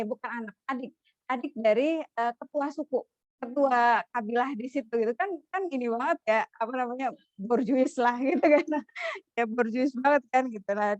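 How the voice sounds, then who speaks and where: Chatty high-voiced woman telling a story. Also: dry recording, dull audio. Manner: chatty, many fillers, laughs often. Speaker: religious storyteller. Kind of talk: casual storytelling.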